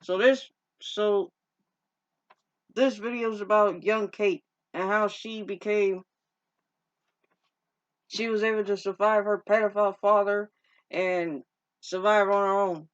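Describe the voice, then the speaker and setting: A woman reviewing a movie recaps its plot casually and ramblingly, often restarting sentences and dropping slang. Her medium-pitched voice is steady and slow, with long pauses, on a dull lo-fi recording.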